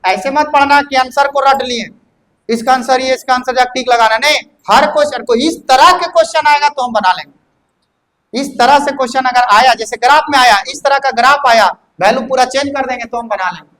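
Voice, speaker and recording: A man's voice: very high-pitched, brisk, fairly bright tone, poor audio. A male physics teacher, working through exam questions and encouraging his students, often calling them "babu".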